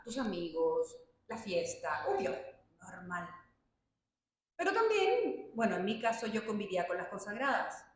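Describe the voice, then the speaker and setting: A woman's voice: mid-range voice, slight background noise. Chatty woman in an echoing room. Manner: chatty, anecdotal storytelling with asides and acted-out quotes. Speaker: consecrated woman giving a vocational testimony. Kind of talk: personal testimony talk to a group. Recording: very echoey room sound.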